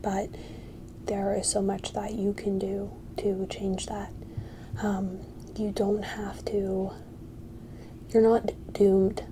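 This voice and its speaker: Female, whispered ASMR pep talk. Reassuring, halting delivery, mellow and fairly even, faint noise behind. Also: medium pitch, vocal fry, rough recording. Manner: whispered, soft-spoken and halting; reassuring, encouraging. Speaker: ASMR creator.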